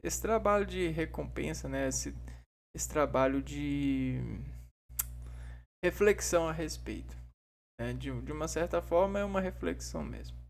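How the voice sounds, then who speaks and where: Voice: medium pitch, unhurried, vocal fry. A vlogger, talking in a casual, reflective monologue that rambles and hesitates, full of tag fillers and acted-out bits of dialogue.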